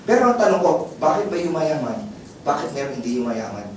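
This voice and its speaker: A man's voice: on the high side, sing-song, quick pace, slight background noise. A man giving a motivational business presentation to a live crowd, joking often and asking the audience to agree. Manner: call-and-response, keeps asking the crowd to agree; laughs often, jokey. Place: event hall with audience. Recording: very echoey hall, far mic, audience.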